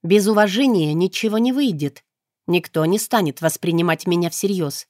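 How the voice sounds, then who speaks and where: A woman's voice: on the low side, moderate pace, darkish tone, no room sound, studio quality, lightly acted. A woman voicing a brash young heroine in an audiobook, blunt, teasing and matter-of-fact. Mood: indignant. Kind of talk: audiobook character voice.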